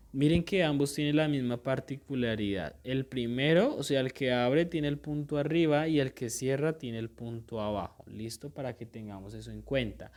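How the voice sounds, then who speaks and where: A man of middle pitch teaching a grammar lesson at an unhurried pace. He checks in with his students after almost every point and restates ideas so they stick. Now and then he stops to correct a word mid-sentence. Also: a little mellow. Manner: patient, checks in with "¿listo?" and "¿cierto?" after each point; repeats and restates points slowly, with small self-corrections.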